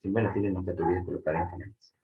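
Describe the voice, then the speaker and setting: A man with a Peruvian Spanish accent gives a relaxed online language lesson. His voice sits very low with a gravelly fry, and he keeps checking in with students. The recording sounds muffled and lo-fi. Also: fast. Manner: explains with frequent checks like "¿no?" and fillers "este". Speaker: language teacher. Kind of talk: online class lecture.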